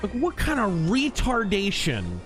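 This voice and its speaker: Male live gameplay commentator, highish animated voice, exasperated and sarcastic, game sounds behind. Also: measured pace, music in the background. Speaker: game streamer.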